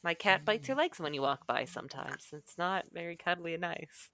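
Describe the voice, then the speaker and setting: Enthusiastic woman in casual chat, lowish voice, lively pitch. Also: normal speed, no room sound.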